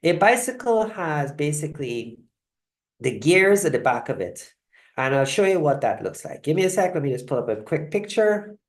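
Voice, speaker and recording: A woman from Guyana hosting a live online wellness session. She speaks in a conversational, halting way and often checks in with "right?". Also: low voice, very animated. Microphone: video call mic.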